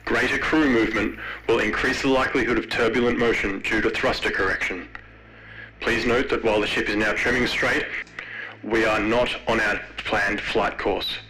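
A man voicing a female ship officer who gives a formal, measured announcement over a crackling intercom loudspeaker. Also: fairly low pitch. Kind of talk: audiobook narration.

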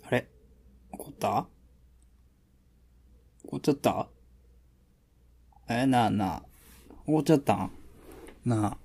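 A man acts out an affectionate young boyfriend with a Kansai accent in an intimate pillow-talk role-play. His voice is breathy and husky, and he takes his time over each phrase. He teases softly and playfully, like someone lying close in bed. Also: mid-range voice, takes it slowly, long pauses. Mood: coaxing, tender. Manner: soft, playful, breathy murmuring with chuckles.

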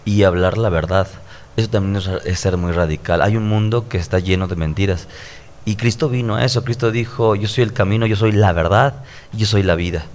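A man's voice: fairly low pitch, a little fast, a little hiss or hum. A man in his thirties with a Mexican accent, a pastor who preaches conversationally on a podcast and repeats his points earnestly. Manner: earnest, preachy, stacked repetitions.

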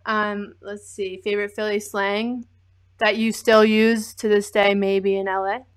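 A woman in her thirties interviewing a musician in casual chat, relaxed and friendly with many fillers. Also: mid-range voice, measured pace, clean tone. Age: 30s.

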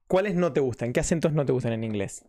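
A man hosts a relaxed interview, his voice heavy with gravelly fry. He stumbles into his sentences and repeats words before he finds his question. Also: medium pitch, quick pace. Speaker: interview host. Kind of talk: casual interview chat.

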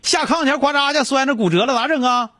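A man's voice: extremely high pitch, quick pace, a bit bright, no room sound, clean studio sound. A man with a Northeastern Chinese accent hosting a call-in advice show, scolding his caller bluntly. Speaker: radio advice host.

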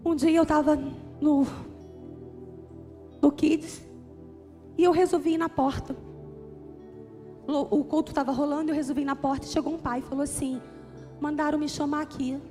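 A woman with a Brazilian Portuguese accent preaches a sermon in a church auditorium, earnestly telling a personal story and building to emphatic appeals. Her voice sits high with a dark tone, fairly even intonation, a moderate pace and long pauses. The church hall has long reverb and faint music.

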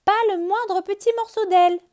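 A woman's voice: extremely high pitch, big pitch swings, normal speed, darkish tone, voice pushed up. A woman voicing a cheerful, hopeful male bird with a sing-song manner in a children's story. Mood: chirpy.

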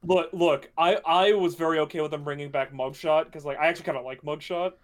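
A man's voice: a little high, fairly even intonation, quick pace. A young man in a casual game chat who restarts his words a lot and gets enthusiastic and defensive.

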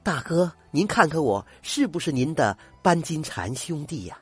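An older man voicing a gentle, grateful young woman in disguise, with soft, earnest speech, in a told folk tale. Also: low voice, sing-song, moderate pace, slightly rough, soft background music, full character voice. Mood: puzzled.

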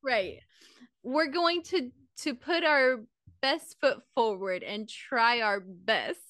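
A woman's voice: on the high side, takes it slowly, a bit bright, dry recording, clean studio sound. A young woman co-hosting a podcast in casual chat, blunt and chatty, swearing casually and laughing often. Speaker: podcast co-host.

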